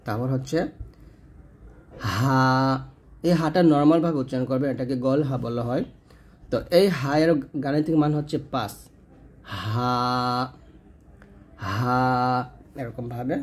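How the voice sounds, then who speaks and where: A man teaching Quran reading, explaining step by step how to pronounce letters and stretching each sound out slowly to demonstrate. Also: medium pitch, darkish tone, husky. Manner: patient, explanatory. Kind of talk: step-by-step pronunciation lesson.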